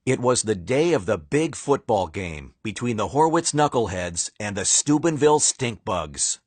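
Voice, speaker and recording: A man narrating a children's storybook in a playful, animated way, with dramatic pauses. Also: on the low side, no room sound.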